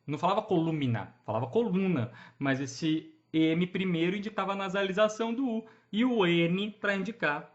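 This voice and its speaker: A man's voice: high voice, moderate pace, hardly any pauses, highs cut off. A man with a Brazilian Portuguese accent teaches an online grammar lesson in a chatty way, often asking the viewer rhetorical questions and checking they follow along.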